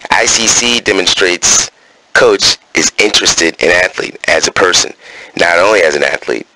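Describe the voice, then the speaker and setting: This is a deep male voice, pushed and bright, captured on poor audio. He reads coaching points in a wrestling gym, then drifts into casual asides and summaries thick with fillers before returning to clipped, terse points.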